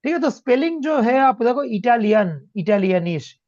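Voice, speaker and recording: A man's voice: very high-pitched, big pitch swings, normal speed, darkish tone, dry recording. A man teaching a German demo class over a video call, switching between Hindi and English and often checking that the learner understands. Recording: dull lo-fi call audio.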